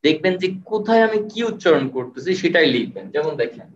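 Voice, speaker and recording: Man, online tutor, patient, repeats and sounds words out slowly, somewhat high pitch, dull lo-fi sound. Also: very animated. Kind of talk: live online lecture. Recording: roomy, distant, dull sound.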